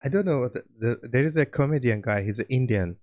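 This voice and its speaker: Halting, chuckling male podcast host. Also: medium pitch, animated, darkish tone. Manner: halting, restarts sentences, laughs along. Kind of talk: casual interview chat.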